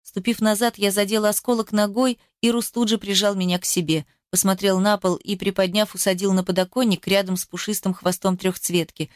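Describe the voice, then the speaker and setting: A woman giving a steady, expressive first-person narration of an audiobook. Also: medium pitch, brisk, hardly any pauses, no room sound, clean studio sound.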